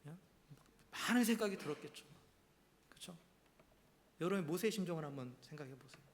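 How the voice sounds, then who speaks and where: Guy pastor giving a sunday sermon, slightly high voice, chatty, goes from emphatic to hushed. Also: lively intonation, a little fast. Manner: conversational preaching with frequent checks on the congregation; swings between emphatic and hushed, near-whispered delivery. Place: church during a Sunday service.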